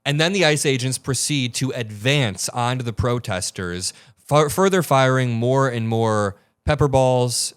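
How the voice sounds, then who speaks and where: A man's voice: mid-range voice, clean tone, no echo. A young man hosting an online news commentary show, talking in a heated, emphatic and blunt way as he breaks down video. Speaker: political commentary host.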